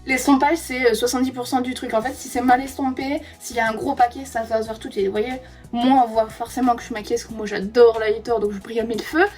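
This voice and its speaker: A woman's voice: on the high side, fairly even intonation, quick pace, a little mellow, faint music behind. A young woman in her twenties chatting casually through a makeup tutorial as she does a friend's face, saying "hop" as she applies each product. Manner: chatty, says "hop" while applying makeup. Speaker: beauty vlogger. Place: indoors doing makeup on a friend.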